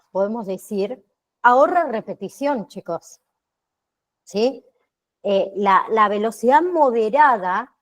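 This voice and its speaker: Slow, deliberate woman teaching a class. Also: on the high side. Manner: checks in with frequent "¿sí?" tags; slow and deliberate, with pauses and fillers. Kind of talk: online class lecture.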